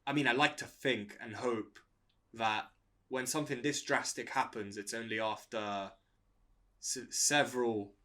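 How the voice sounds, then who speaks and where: A man's voice: mid-range voice, steady tone, measured pace, bright, forceful tone. A man co-hosting an advice podcast, giving blunt, opinionated takes in casual chat. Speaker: podcast co-host.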